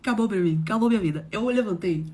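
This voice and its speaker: A woman, telling a dramatic story in a casual, expressive way with big swings in pitch. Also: fast talker, slightly rough.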